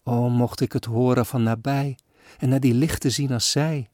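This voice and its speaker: A man voicing a feverish, frail poor little girl who pleads softly in a storybook poem. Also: mid-range voice, fairly even intonation, moderate pace, no room sound, clean studio sound, voice pushed up, natural voice. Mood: longing.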